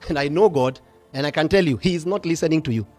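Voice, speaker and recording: A middle-aged bishop with a Kenyan accent, preaching passionately, swinging from hushed asides to loud rebukes. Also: male voice, fairly high pitch, fast, soft background music. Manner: passionate, switching between whispers and shouting. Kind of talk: fiery sermon.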